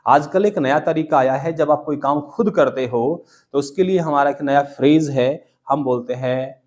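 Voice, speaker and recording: A man's voice: on the high side, moderate pace, darkish tone. Man teaching a class, drilling phrases. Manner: drills a class with repeated questions. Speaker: spoken English teacher. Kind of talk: classroom lesson in Hindi and English.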